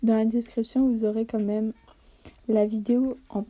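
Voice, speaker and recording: A woman's voice: fairly high pitch, level tone, moderate pace, dark tone. A woman vlogger talking casually over a study-with-me video, self-deprecating and hesitant, with many fillers.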